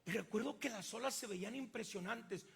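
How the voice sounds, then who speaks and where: A man's voice: high-pitched, a little fast, gravelly, fairly bright tone, husky, in a large hall. A man with a Mexican accent preaching a sermon, emphatic and drawing the congregation in with call-and-response questions. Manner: emphatic, asks the congregation to fill in words. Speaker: pastor.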